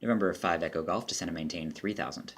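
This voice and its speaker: Low-voiced and a bit bright, this man talks fast while acting as an air traffic controller in a game demo he narrates. He switches between terse controller phrasing and relaxed remarks.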